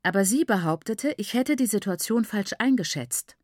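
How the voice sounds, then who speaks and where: A woman's voice: medium pitch, lively intonation, moderate pace, darkish tone, dry recording. Woman narrating an audiobook, dry sound. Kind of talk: scripted first-person narration. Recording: dry close studio recording.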